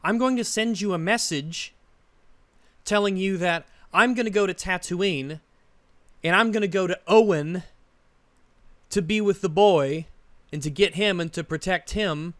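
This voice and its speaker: A man playing a worried male senator who rambles, halting, through a message. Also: high-pitched, a bit bright, no echo.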